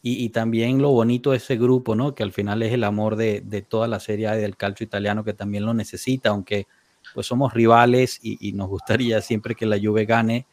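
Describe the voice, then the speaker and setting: A man hosts a casual podcast, passing the word to each guest in turn and laughing easily. His voice sits at a middle pitch and sounds dry and close to the mic. He talks in a loose, friendly way. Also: level tone, a little fast, a little mellow, no room sound. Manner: friendly, laughs often, hands over to guests. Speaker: podcast host.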